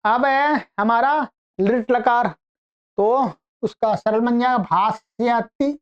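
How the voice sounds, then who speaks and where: Slow, clear-voiced woman reciting grammar. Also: a little high, highs cut off. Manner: chants verb forms in slow measured lists, quickens for explanations. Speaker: Sanskrit grammar teacher.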